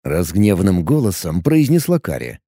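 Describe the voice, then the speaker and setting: A man voicing a furious, domineering young woman adjutant who scolds in shrill shouts. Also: very animated, normal speed, husky, no echo, studio quality, exaggerated voice.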